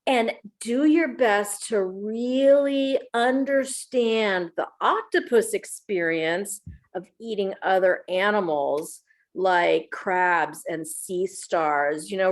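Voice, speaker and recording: An earnest webinar leader, played by a woman in improv. She talks slowly and with deliberate care. Her tone suits a facilitator of a workshop. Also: mid-range voice, lightly acted. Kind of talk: improv comedy.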